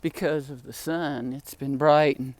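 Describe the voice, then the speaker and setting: A little slow and a little mellow, her low voice keeps a steady tone in a dry recording. The older woman, a vlogger, chats her way through rambling tales of family and pets, laughing and sighing in asides as she walks home in the wind with groceries.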